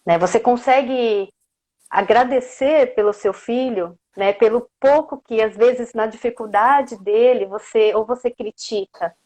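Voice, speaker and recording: A woman's voice: fairly high pitch, measured pace, a little mellow. A woman with a Brazilian accent, a coach giving a motivational parenting talk, who keeps asking her listeners questions and often tags her phrases with "né?". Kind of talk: motivational lecture.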